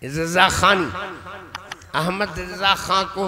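Guy giving a sermon, high voice, slow, crowd loud behind him. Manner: storytelling, retorts in his own quoted speech. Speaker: preacher. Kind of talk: sermon at a religious gathering.

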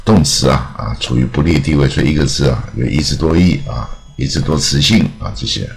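A man teaching English pronunciation, explaining each word patiently and repeating it slowly, with a particle trailing many phrases. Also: a bass voice, gravelly, slightly rough. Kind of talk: explanatory lesson.

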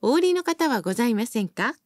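Fairly high and melodically lively, a woman's voice delivers recorded bus announcements at a quick pace. Each phrase is cleanly articulated in a formal, courteous manner. The close recording is dry, with no room sound.

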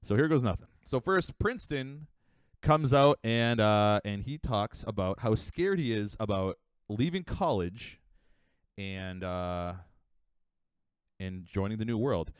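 A young man chatting casually on a live stream, rambling with fillers and quick asides. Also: lowish voice, animated, clean tone, dry recording, studio quality. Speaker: livestreamer.

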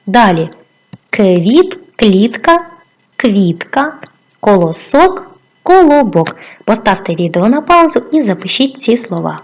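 A woman's voice: mid-range voice, slight background noise. Woman teacher, video lesson for little kids, encouraging, sing-song questions. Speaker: primary school teacher. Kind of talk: video lesson for young children.

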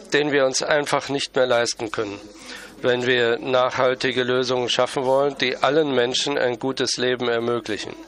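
A man interpreting a conference talk live, halting often with fillers and restarts. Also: medium pitch, a bit bright.

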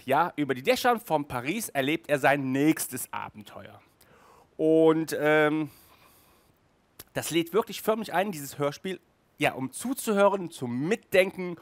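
A middle-aged man hosting an audio drama review show gives a casual, enthusiastic, chatty review from a couch in a small furnished room. He speaks unhurriedly in a voice slightly higher than most men's, a bit bright. The dry recording comes from a headset mic.

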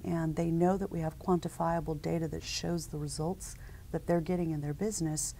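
A company founder in her forties answers interview questions on a conference set, speaking through a lapel mic in a measured, businesslike manner with plenty of ums and uhs. Her low voice stays steady, mellow, and touched by vocal fry, with a faint hiss or hum in the recording.

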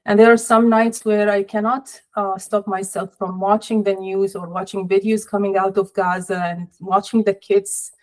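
A middle-aged woman speaking as an interview guest over a video call, measured and sorrowful, with deliberate pauses. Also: medium pitch, little pitch movement, a little mellow, rough recording. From Palestinian, family in Jordan. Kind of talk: personal interview. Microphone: laptop or webcam on video call.

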